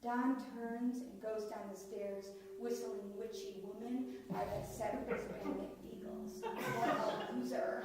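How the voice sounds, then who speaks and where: A woman in her thirties telling her own story live in a wry, sarcastic way, with bursts of loud exclamation. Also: a little high, steady tone, a little slow, far from the mic, background noise. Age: 30s. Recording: echoey room heard from afar.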